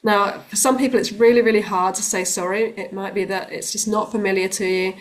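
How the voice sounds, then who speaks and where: A woman working as a relationships coach, giving calm, explanatory advice straight to the camera with the odd um. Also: mid-range voice, a little fast. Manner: calm, explanatory, with occasional ums. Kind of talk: direct-to-camera advice talk.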